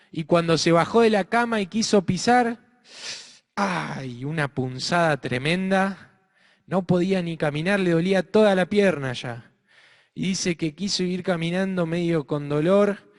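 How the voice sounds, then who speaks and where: An adult man with an Argentine accent narrates a story to children, expressive and stopping to ask his listeners questions. His voice sits a little high. The sound carries a long echo, as from a large hall. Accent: Argentine Spanish. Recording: reverberant hall.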